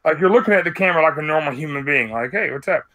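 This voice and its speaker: A man in his late thirties hosting a sneaker podcast, talking loudly and swearing in loose banter. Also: on the high side, racing. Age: 30s. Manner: loud, profane, animated talker. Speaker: podcast host.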